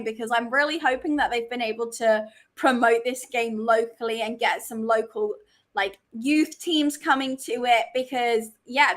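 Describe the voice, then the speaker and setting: A woman's voice: a little high, bright, forceful tone. A woman co-hosting a women's soccer preview in casual chat, laughing easily and inviting viewer comments. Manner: chatty, laughs easily, asks for audience comments. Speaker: soccer show co-host.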